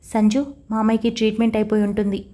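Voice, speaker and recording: A woman's voice: mid-range voice, little pitch movement, quick pace, warm tone, lightly acted. A woman reading the lines of a torn, tearful young wife in an audio story, emotional and defiant. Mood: tense.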